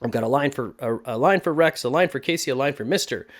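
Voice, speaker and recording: Speaking quickly in a mid-range voice, a male voice actor hosts an easygoing tutorial. He keeps things informal and occasionally makes light of himself.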